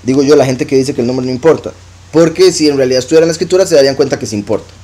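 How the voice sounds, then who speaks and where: A man preaching in Latin American Spanish, reading verses slowly and explaining them conversationally. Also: mid-range voice, warm tone, poor audio. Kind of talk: scripture teaching.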